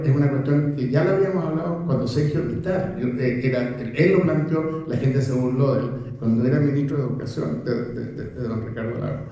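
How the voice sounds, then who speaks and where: An older man with a Chilean accent gives a lively talk at a book presentation. His voice is slightly high but warm and mellow. It rings out through a very echoey room. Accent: Chilean Spanish. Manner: animated and conversational, with rhetorical questions and many restarts. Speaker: professor speaking at a book presentation. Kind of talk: public talk to an audience.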